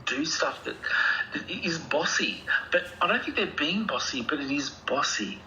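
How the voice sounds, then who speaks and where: A man playing a soft-spoken anxious patient. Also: fairly high pitch, lively intonation, normal speed, a little hiss or hum, poor audio. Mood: earnest. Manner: softly spoken, hesitant, meandering. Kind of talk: improvised comedy dialogue.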